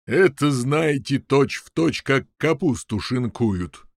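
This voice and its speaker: A man's voice: mid-range voice, lively intonation, vocal fry, no room sound, heavily acted. A man voicing Golopas, a drawling, bullying giant. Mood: gloating. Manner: slow, drawling and loud, with a strained, altered timbre. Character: huge menacing male giant, gloating and bullying. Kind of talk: audiobook character voice.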